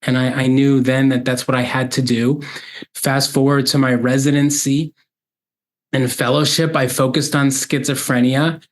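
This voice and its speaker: A man who is a psychiatrist and researcher, answering interview questions in a measured, explanatory way. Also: mid-range voice, little pitch movement.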